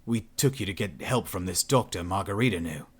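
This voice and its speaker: An awkward young man apologizing with hesitation, as a male narrator does him. His voice is low and husky. He speaks in a subdued, unhappy way. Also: lively intonation, brisk. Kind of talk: audiobook narration.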